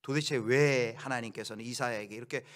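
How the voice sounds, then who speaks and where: A man preaching a sermon as pastor, shifting from quiet explanation to loud acted-out outbursts. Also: medium pitch, a little fast.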